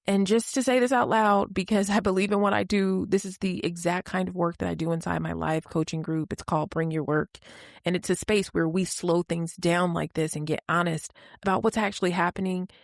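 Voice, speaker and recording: A woman's voice: lowish voice, steady tone, brisk, gravelly, no echo, studio quality. A woman hosting a solo advice podcast, talking candidly and conversationally with a touch of sarcasm. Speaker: podcast host and coach.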